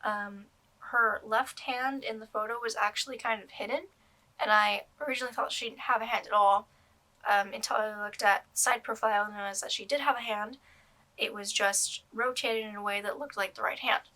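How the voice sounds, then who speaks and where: A woman's voice: fairly high pitch, fairly even intonation, normal speed, bright, forceful tone. A young woman doll collector talking casually to camera, rambling with many ums and restarts. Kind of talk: casual vlog review.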